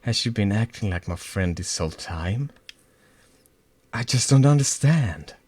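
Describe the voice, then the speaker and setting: A man's voice: low-pitched, moderate pace, husky, no room sound, pitched above the performer's own voice. A man voicing a frightened, hurt teenage schoolgirl who stammers and pleads. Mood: distressed. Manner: pleading, stammering, rising to shouts.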